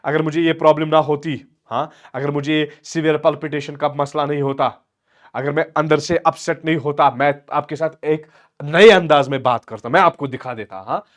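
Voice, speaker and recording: A man voicing a nervous, touchy young landowner who shouts his grievances, acted out for a class. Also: a little high, moderate pace, lightly acted. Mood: aggrieved. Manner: shouting, aggrieved, excitable.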